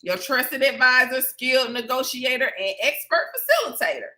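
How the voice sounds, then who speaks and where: A woman's voice: high-pitched, animated, normal speed, bright, forceful tone, rough recording. A woman, a real estate agent hosting a casual weekly live stream, chatty and promotional. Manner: chatty and promotional, with southern "y'all".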